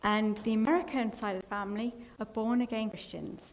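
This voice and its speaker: A middle-aged woman from England with a slightly high voice gives a personal testimony in a church hall, speaking briskly. Her story is rambling and emotional, and at times she chokes up with tears. The recording has a long hall reverb and faint background noise.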